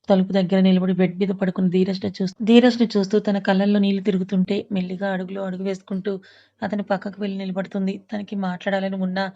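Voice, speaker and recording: A woman storyteller narrating a serialized story in a slow, calm, even way. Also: medium pitch, lo-fi sound.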